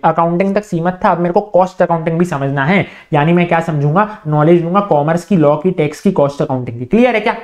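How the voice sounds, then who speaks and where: Man, revision-class teacher; animated, quizzes and answers himself, slow on key terms. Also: a little high. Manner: animated, answers his own questions in a hushed student voice; slows right down to spell out key terms. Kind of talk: online exam revision lecture.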